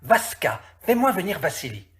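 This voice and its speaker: A man's voice: high-pitched, big pitch swings, normal speed, pitched above the performer's own voice. A man voicing a stern, impatient country landowner in a storybook reading, giving severe orders. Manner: severe, commanding.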